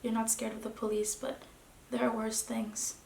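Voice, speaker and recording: Woman acting out a dignified wife walking out, fairly high voice, restrained then sinking quiet, echoey room. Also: level tone, normal speed, creaky, a little hiss or hum. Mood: quiet resignation. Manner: restrained, dropping to hushed tones, then rising. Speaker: actor. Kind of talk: theatrical stage monologue.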